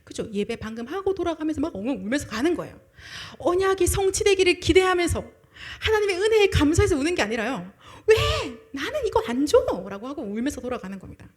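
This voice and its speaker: A woman preaching a sermon at a young adults' service, shifting between loud emphasis and soft breathy asides and acting out people's words. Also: high-pitched, animated, quick pace, few pauses. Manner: acts out people's words in quoted voices.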